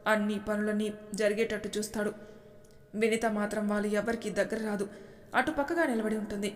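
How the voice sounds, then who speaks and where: A woman storyteller narrating a family drama serial in a steady, even manner. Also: mid-range voice, fairly quick. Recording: echoey room.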